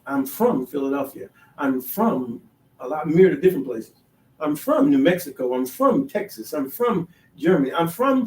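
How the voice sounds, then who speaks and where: A man hosting a solo talk show, halting with many restarts, then building to emphatic, sermon-like declarations. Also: mid-range voice, darkish tone. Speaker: podcast host. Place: DC, Maryland, Virginia area. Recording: echoey room, voice far from the mic.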